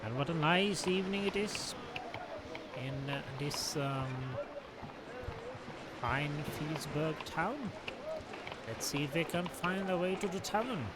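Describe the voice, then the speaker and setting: A man's voice: on the high side, measured pace, pauses often, heavy background noise. A man improvising in-character game narration as a storyteller, polite and theatrical with a hesitant delivery. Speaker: storyteller and gamer playing in character.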